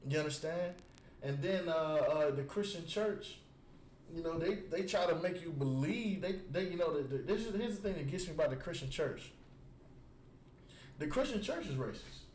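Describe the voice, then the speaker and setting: A religious teacher street-preaches to a group in a call-and-response style, his male voice slightly high, expressive, and somewhat dark, at normal speed. He repeats words emphatically as he builds each point and asks "You understand?" after nearly every one. The space is echoey with faint background noise.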